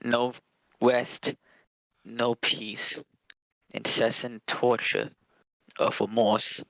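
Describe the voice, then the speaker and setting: A man playing a slow, mournful old ghost. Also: medium pitch, little pitch movement, a bit bright, no echo, highs cut off. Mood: grave. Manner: slow, grave, lamenting delivery. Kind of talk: amateur dramatic reading.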